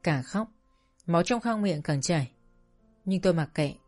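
A woman's voice: on the low side, expressive, moderate pace, darkish tone, soft background music. Woman narrating a sorrowful story. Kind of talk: scripted first-person story narration.

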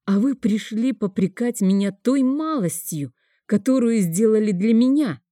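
A woman's voice: fairly high pitch, animated, unhurried, warm tone, no echo, clean studio sound, voice pushed up. A woman voicing a bitter, sarcastic grieving man in an audiobook. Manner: bitter, biting.

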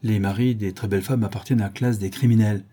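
A man voicing a witty, cynical aristocratic gentleman who trades languid paradoxical quips. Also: lowish voice, fairly even intonation, fast, close to an everyday voice. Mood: wry.

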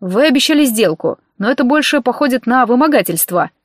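A woman's voice: a little high, lively intonation, brisk, dry recording, clean studio sound. A woman voicing a stern, sarcastic male government minister who talks in a cool, ironic tone in an audiobook.

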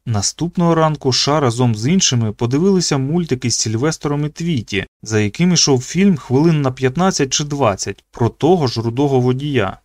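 Man, audiobook narration, measured, even, mid-pitched, close mic, dry. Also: no room sound. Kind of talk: scripted narration.

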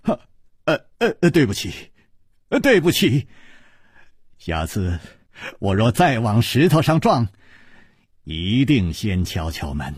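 一位男性说书人演绎一个慌张尴尬的年轻男剑客，说话结巴，语气犹豫。. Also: male voice, on the low side, huge pitch swings, slow pace, long pauses, breathy edge, no room sound, studio quality, voice pushed down, exaggerated voice. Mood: apologetic. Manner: stammering, nervous, awkward laughing. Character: charming young male swordsman, flustered. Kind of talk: storytelling character voice.

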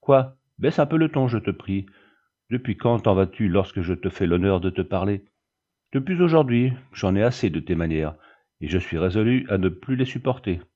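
A man's voice: fairly low pitch, expressive, moderate pace, dark tone, dull audio. A man voicing a haggard, bitter young man who talks back with defiance and mockery. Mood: defiant. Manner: defiant, mocking.

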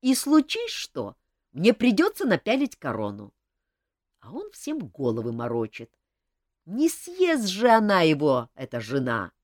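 A woman's voice: on the low side, wildly swooping pitch, measured pace, a little mellow, no room sound, studio quality, pitched above the performer's own voice. A woman reading a blunt young barbarian man. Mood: rueful. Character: young male barbarian hero, blunt and cheerful. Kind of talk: audiobook character reading.

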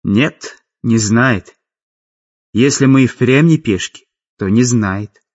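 A man voicing a steady, earnest young man, with a slightly husky voice. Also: medium pitch, slow. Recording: dull lo-fi audiobook with faint music.

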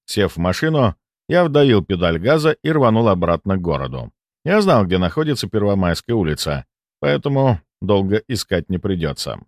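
A man's voice: low-pitched, big pitch swings, normal speed, no echo, studio quality. Man reading an audiobook expressively. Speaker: audiobook narrator. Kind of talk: first-person audiobook narration.

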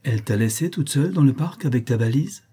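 A man voicing a patient male police inspector who asks soft, coaxing questions. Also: medium pitch, animated, quick pace, slightly rough, voice pushed up. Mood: gentle.

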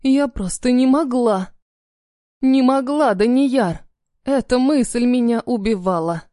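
A woman's voice: fairly high pitch, slow pace, mellow, dry recording, studio quality. A woman voicing a frightened young wife who pleads in a trembling voice. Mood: pleading.

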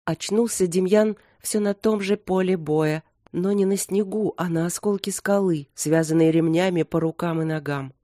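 A measured audiobook narrator reading a dark war scene in an even voice of middling pitch. The delivery slows on the grimmest moments. The recording is dry and close. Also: dry recording.

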